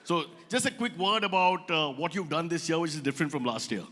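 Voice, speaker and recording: Bright-voiced Indian comedian roasting a crowd. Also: male voice, fairly high pitch. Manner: teasing rapid banter with crowd asides. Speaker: comedian host. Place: event hall stage. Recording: reverberant event hall.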